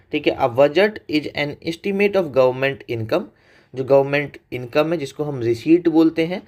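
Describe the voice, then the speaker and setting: A man's voice: on the high side, darkish tone. A man teaching an exam-prep economics lecture, putting questions to his students and repeating the key facts. He mixes English terms into his Hindi explanation.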